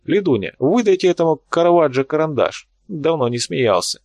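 A jovial young man who teases everyone in a high, bouncing voice, as a male narrator acts him out. His tone is ironic and mocking. The delivery is close and dry. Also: sing-song, moderate pace, darkish tone, no echo. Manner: ironic, teasing.

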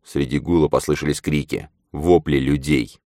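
Very deep male audiobook narrator. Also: steady tone, moderate pace, dark tone, no room sound, clean studio sound. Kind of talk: scripted narration.

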